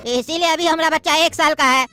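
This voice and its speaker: A woman's voice: sits high, steady tone, brisk, natural voice. Woman voicing a bossy old judge with a lilt. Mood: scolding. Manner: bossy, mocking, lecturing. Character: pompous old male judge near retirement. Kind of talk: cartoon comedy dubbing.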